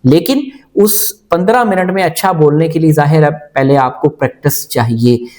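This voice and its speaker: A man teaching as an IELTS coach, explaining calmly and mixing English phrases into his Hindi-Urdu, slowing down to model sentences word by word. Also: on the high side. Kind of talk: instructional video lecture.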